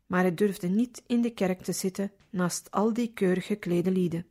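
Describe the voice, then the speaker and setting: A woman reading a religious story aloud in calm, measured scripted narration. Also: lowish voice. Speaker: audiobook reader.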